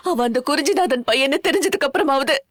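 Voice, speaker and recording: Woman voicing a crying mom in a tv serial dub, high voice, begging and wailing. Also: lively intonation, quick pace, fairly bright tone. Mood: pleading. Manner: tearful, pleading, wailing. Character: distraught middle-aged mother, grieving over her daughter. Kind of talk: dubbed TV serial acting.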